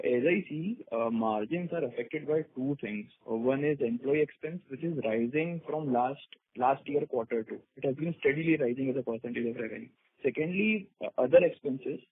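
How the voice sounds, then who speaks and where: A man's voice: medium pitch, fairly quick, husky, dry recording. A man asking methodical, probing questions over a conference-call phone line. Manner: methodical, probing, lists points one by one. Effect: phone-line audio of a conference call.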